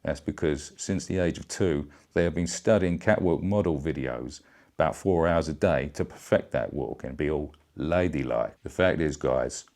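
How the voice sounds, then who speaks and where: A man's voice: very deep voice, a little mellow. A middle-aged man delivering a brash, bawdy satirical comedy rant. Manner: brash, bawdy, blokey banter. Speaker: vlogger.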